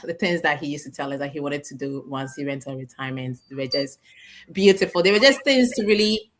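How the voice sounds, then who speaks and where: A woman from Ghana hosts a casual live stream over a video call. Her voice sits low, and she rambles warmly, with feeling. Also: lively intonation, a little fast, noisy background. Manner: warm, emotional, rambling with laughs.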